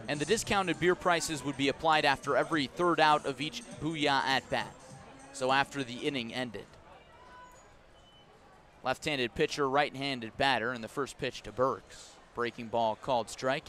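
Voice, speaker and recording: With soft music in the background, a man speaks at normal speed in a mid-range, slightly bright voice. His live radio commentary on a baseball game, broadcast from an outdoor ballpark, moves between quick calls and conversational asides.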